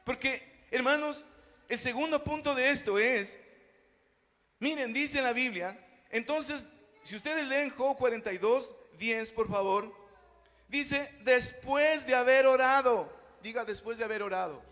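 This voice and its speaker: A man, a pastor preaching a sermon in a church, calling out to the congregation and swelling loud on key phrases. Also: very high voice, unhurried, in a large hall. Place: church hall.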